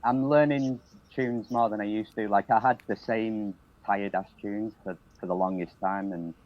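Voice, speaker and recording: Tired guy, late 30s, low voice, halting and mumbly, muffled lo-fi call line. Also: fairly even intonation. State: tired from staying up all night. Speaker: guest musician. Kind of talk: casual chat on a call.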